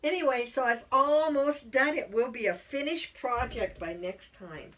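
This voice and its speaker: A woman's voice: high-pitched, unhurried, a bit bright, recorded from a distance. A middle-aged woman co-hosting a crafting podcast, chatting in a rambling, friendly way with plenty of fillers. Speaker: podcast co-host, yarn dyer. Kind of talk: casual chat.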